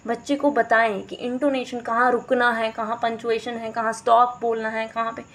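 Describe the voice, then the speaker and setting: A woman's voice: on the high side, low-quality recording. A woman teacher explaining teaching methods, mixing in English terms and demonstrating pronunciations. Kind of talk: explaining a teaching course in Hindi.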